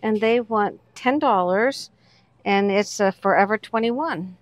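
A woman's voice: mid-range voice, a little slow, no room sound. A woman hosting a vlog, chatting casually as she points out items on shop shelves one by one. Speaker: vlog host, reseller. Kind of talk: casual commentary while browsing a shop.

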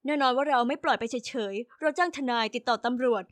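A weary middle-aged mother in an animated story, soft and tired in her telling, as a woman puts her on. Her voice sits slightly lower and quieter. The sound is dry and close. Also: quick pace, no echo, lightly acted.

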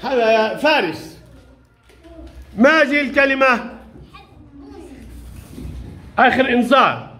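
Guy teaching little kids in class, real high voice, quick and playful, keeps calling kids up by name. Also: animated, bright, forceful tone. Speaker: primary school Arabic teacher. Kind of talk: classroom quiz with young pupils.

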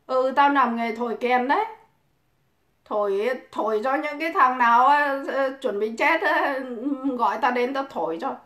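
A woman hosts a livestream rant, taunting and cursing at her critics in a scornful, mocking way. Her voice sits a little high, and she takes her time. The sound is roomy and echoey. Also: a bit bright. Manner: mocking, provoking, swears constantly. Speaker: livestream host. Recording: echoey room.

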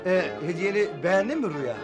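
A man's voice: high-pitched, animated, fast, music in the background. An actor playing a cheeky, teasing young man in a sitcom, playful and mischievous. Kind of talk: sitcom acting.

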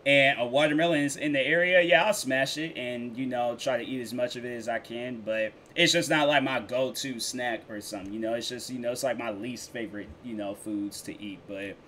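A man's voice: medium pitch, steady tone, brisk, few pauses, pushed and bright, a little hiss or hum. Young American man reacting casually. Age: young adult. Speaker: reaction video host. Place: small indoor room, headset on.

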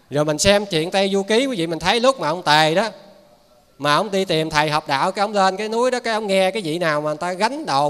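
A lay preacher with a Southern Vietnamese accent and a somewhat high, slightly bright voice gives a Buddhist dharma talk in a folksy, conversational style, often turning to his listeners with asides. The recording has the reverberation of a hall.

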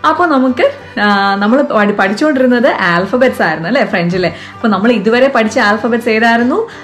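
Malayali lady teaching kids, keeps asking questions, kinda high voice, soft music behind. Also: animated, a little fast. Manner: chatty, coaxing, asks questions to the viewer. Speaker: vlog host teaching French to kids. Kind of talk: casual lesson for children.

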